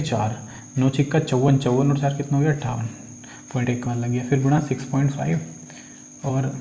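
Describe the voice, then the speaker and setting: Male physics tutor, mellow tone, coaxing self-questioning delivery, echoey room with faint crickets. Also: mid-range voice, slight background noise. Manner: coaxing, asks and answers his own questions, calls students beta. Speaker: physics teacher. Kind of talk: working numericals step by step.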